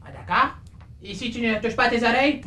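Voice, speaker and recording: A woman's voice: a little high, a little fast, bright, forceful tone. A woman voicing a curious, childlike little male puppet character who stammers when surprised, in a children's puppet show. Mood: wondering. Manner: playful, stammering, wonder-struck.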